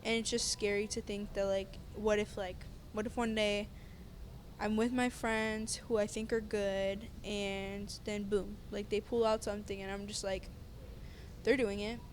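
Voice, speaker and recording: A woman's voice: medium pitch, little pitch movement, measured pace, a little hiss or hum. A woman talking earnestly and hesitantly in a casual podcast chat, often searching for her words.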